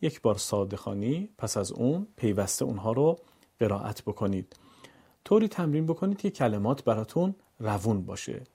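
A man teaching how to read Quranic words, explaining calmly and slowly stretching sounds in recited examples. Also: on the low side, breathy edge. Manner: calm explaining, then stretching vowels slowly and louder for examples. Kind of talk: instructional lesson with slow drawn-out recitation examples.

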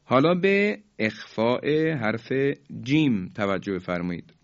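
Man teaching slow, drawn-out recitation. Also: mid-range voice, big pitch swings, dull audio. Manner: polite and instructive, slowly drawing out example words for students to repeat. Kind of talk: recorded tajweed lesson.

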